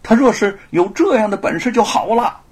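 A man's voice: medium pitch, huge pitch swings, normal speed, breathy edge, pitched below the performer's own voice, full character voice. A man voicing a mocking male yamen runner who sneers at people.

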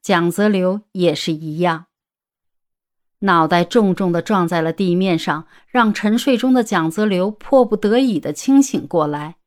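A woman tells the story in a steady, even reading voice that sits a little low. She narrates the scripted audiobook at a measured pace.

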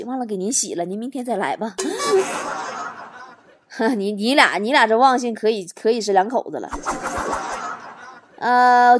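A woman's voice: high voice, slight background noise. A woman hosting a talk show, telling jokes and funny stories in a comic monologue, acting out the quoted lines. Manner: lively, acts out quoted lines with laughs.

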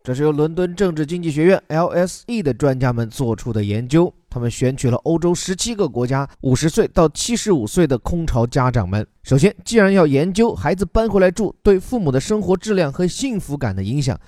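A man's voice: a little high, expressive, a little fast, hardly any pauses, dark tone, no room sound, clean studio sound. A man who teaches as a podcast host, patiently explaining an English news article word by word with examples.

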